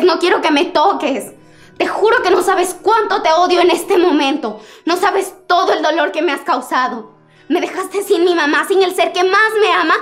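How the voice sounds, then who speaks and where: A woman's voice: very high voice, a bit bright. A woman playing a grieving young daughter who pleads tearfully and then turns bitter, in a melodrama. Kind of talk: melodrama acting.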